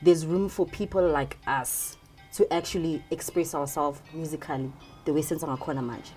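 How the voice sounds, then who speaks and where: Lowish-voiced woman rapper. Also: fairly even intonation, normal speed, a little mellow, faint music behind. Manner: laughing, mixes in Zulu, emphatic slang. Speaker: rapper guest. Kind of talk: casual panel chat.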